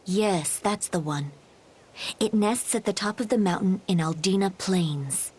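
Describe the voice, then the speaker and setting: A woman voicing a calm townsperson in a video game, plain and informative in manner. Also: mid-range voice, unhurried, slightly rough. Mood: matter-of-fact. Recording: faint background noise.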